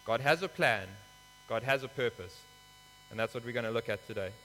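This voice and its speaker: This South African preacher speaks fairly quickly and expressively, his medium-pitched voice fairly bright. He reads scripture and explains it earnestly during a church sermon, with a few hesitant fillers, recorded in an echoey hall with mains hum.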